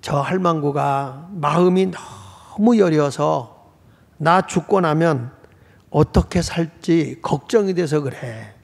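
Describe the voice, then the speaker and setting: Brief: preacher playing a gravelly, gruff old man near death, slow and low, echoing hall. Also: full character voice. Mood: sorrowful. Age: older. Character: dying old man, gruff yet tender. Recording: reverberant church hall.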